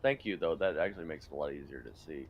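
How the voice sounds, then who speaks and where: A man's voice: rumbling low, lo-fi sound, slight background noise. A man chatting casually while gaming with friends, joking and swearing, often restarting his sentences. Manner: excitable, swearing, quick jokes, stammering restarts. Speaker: gamer streaming with friends.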